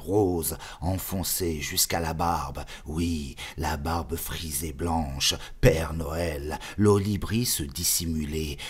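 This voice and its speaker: Slow, deep-voiced male reader. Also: breathy edge. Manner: expressive, spoken cadence. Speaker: audiobook reader. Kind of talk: dramatic reading of a novel.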